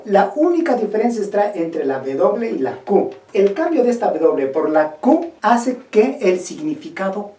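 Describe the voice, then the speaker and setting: A woman gives an explanatory video lesson, her voice lively and swinging in pitch. She keeps asking the viewer questions and models words aloud for them. The tone is mellow, heard from off the mic in a room with a roomy echo. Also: recorded from a distance. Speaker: teacher of Quechua linguistics.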